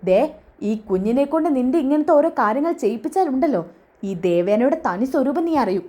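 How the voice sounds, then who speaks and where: A woman's voice: high voice, animated, brisk, mellow. A woman voicing a stern, protective older sister-in-law who scolds and threatens, in a retold serial story. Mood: scolding.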